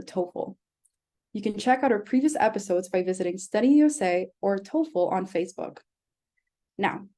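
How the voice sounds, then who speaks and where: A woman from El Salvador, medium-pitched with a dark tone, hosts a live online webinar, reading upbeat scripted introductions.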